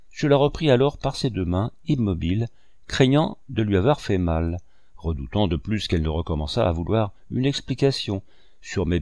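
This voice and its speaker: Brief: low male voice, expressive literary audiobook narration, dry close mic. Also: dry recording.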